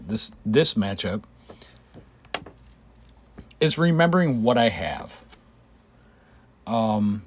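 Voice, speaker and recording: A man giving casual gameplay commentary, halting and thinking aloud, with a cough and frequent throat clearing. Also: mid-range voice, no room sound. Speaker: gamer narrating own gameplay video.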